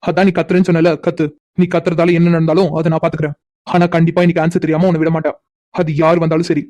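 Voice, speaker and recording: A woman's voice: on the low side, level tone, fast, warm tone, dry recording, highs cut off, natural voice. A woman voicing a cocky, stubborn young man in a cartoon, teasing and insistent. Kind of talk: cartoon voice acting.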